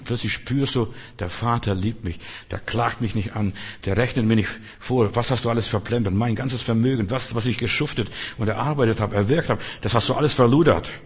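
Husky-voiced man preaching in a reverberant hall. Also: on the low side. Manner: earnest, acts out quotes, drops to soft tones. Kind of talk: sermon. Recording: long reverb in a large hall.

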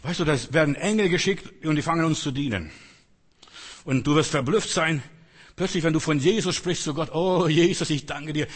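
A man's voice: on the high side, brisk, slightly rough. An older man preaching a sermon, earnest and emphatic with rising outbursts. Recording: long reverb in a hall.

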